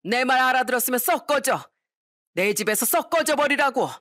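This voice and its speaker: A woman reading an audio story, voicing an elderly mother-in-law who shouts down her son and his wife. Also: high-pitched, expressive, normal speed, dry recording, studio quality, voice pushed up. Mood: furious. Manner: shouting, scolding.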